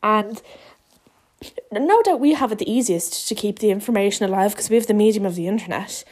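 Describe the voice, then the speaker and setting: A woman's voice: medium pitch, animated, fairly quick, darkish tone. A young Irish woman with an Irish accent, talking frankly and swearing freely in a casual podcast rant, with many stops and restarts. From Ireland. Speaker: podcast host. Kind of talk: casual ranting monologue.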